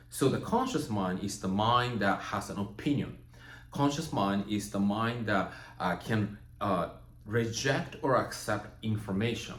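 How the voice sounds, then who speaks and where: A Japanese man, a native Japanese speaker, gives a measured, reflective spiritual teaching talk in a mid-range voice. The recording carries a roomy echo, and he often checks in with "right?" and "you know".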